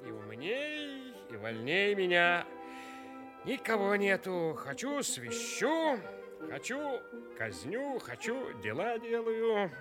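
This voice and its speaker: Vain fairy-tale tsar, high pitch, drawn-out slow delivery, music behind. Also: male voice, wildly swooping pitch, heavily acted. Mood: boastful. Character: boastful, swaggering tsar. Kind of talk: audio fairy-tale acting.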